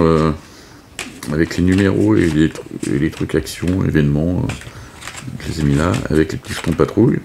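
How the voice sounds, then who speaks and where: A man's voice: low-pitched, gravelly, mellow, slight background noise. A man casually explaining a board game setup, hesitant with many fillers and restarts. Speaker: board game video host. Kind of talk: casual unscripted game tutorial.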